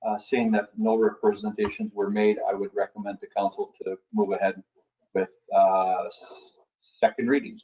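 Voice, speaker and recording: A man's voice: fairly low pitch, flat delivery, moderate pace, dark tone, highs cut off. A man on municipal staff reporting procedure to council, hesitant and full of fillers.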